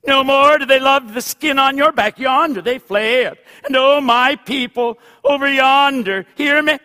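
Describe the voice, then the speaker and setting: A man's voice: extremely high pitch, measured pace, sharp tone, long reverb tail, voice pushed up, full character voice. A man voicing an elderly woman preacher who exhorts her listeners in a fervent, half-sung preaching cadence.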